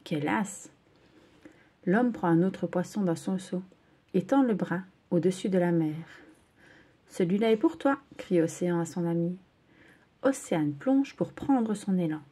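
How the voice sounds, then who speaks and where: Woman narrator for a kids' story, warm mellow voice, a bit husky, gentle and expressive. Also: lowish voice, a little slow. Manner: gentle, expressive read-aloud. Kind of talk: children's story reading.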